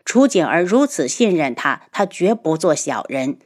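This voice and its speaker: Expressive woman narrating a novel. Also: deep voice, normal speed. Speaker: audiobook narrator.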